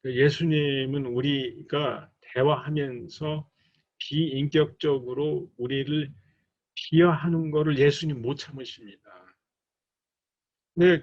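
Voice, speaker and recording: A man teaching a church class as a couples counselor, talking slowly and deliberately and acting out quoted arguments. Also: on the high side, darkish tone. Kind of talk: recorded lecture for a training course. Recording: dull lo-fi recording.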